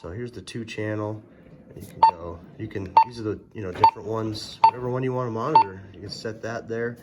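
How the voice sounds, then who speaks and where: A presenter walks through a gadget demo in a relaxed, hands-on way, his lowish voice steady but a little fast and his explanations a bit hesitant. Electronic beeps and clicks fill a very noisy recording.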